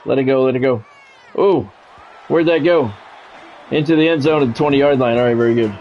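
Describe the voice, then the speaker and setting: Speaking at a medium pitch, this man streams a football video game live, mixing offhand, blunt remarks with play-by-play. His delivery is halting and full of repeated words and phrases. The audio lacks highs, with some chatter and slight noise behind him.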